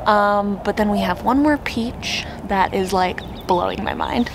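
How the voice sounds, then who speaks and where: An American gardening vlogger in her thirties gives a casual tour of her suburban backyard, talking to camera in an expressive, informal way. Her voice is mid-range, and the recording is very noisy.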